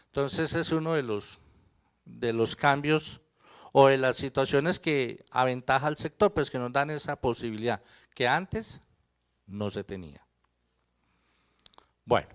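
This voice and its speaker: A man's voice: medium pitch, measured pace, pauses often, clean tone. A man, an accountant, giving a live seminar talk in a conversational lecturing way, putting questions to the audience and joking with them. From Colombia.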